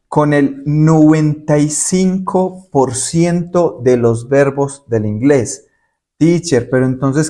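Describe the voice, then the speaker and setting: Here a male English teacher, somewhat high-voiced for a man and a little mellow, explains things one step at a time. The English examples are repeated slowly and stressed clearly, in the style of a recorded video lesson.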